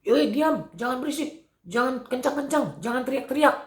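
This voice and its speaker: A man voicing a rough crowd of men who brusquely order a beggar to be quiet. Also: extremely high pitch, moderate pace, voice pushed up. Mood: scolding. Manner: brusque scolding. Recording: echoey room.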